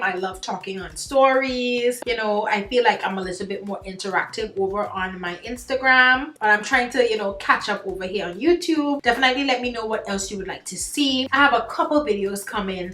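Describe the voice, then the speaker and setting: A woman talks through her evening vlog in an easy, expressive chat, her voice bright and lively. She sprinkles in "like" and "y'all" as she goes. The sound carries a noticeable room echo. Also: medium pitch. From Trinidad and Tobago. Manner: chatty, expressive, lots of "like" and "y'all". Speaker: beauty YouTuber. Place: home, indoors, getting ready for bed. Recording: echoey room.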